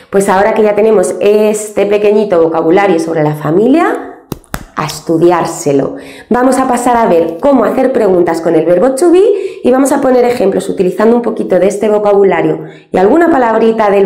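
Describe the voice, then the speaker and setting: A woman teaching an English grammar lesson step by step, patient and explaining things slowly with many diminutives. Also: mid-range voice, a little mellow, reverberant.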